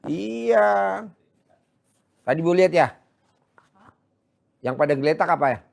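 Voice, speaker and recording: A high-voiced man talks in a boisterous, joking way. He sounds far from the mic in a very echoey space. His manner is teasing and loud. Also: lively intonation, measured pace, gravelly. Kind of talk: casual chat with visitors. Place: large echoey space, maybe a sheep barn.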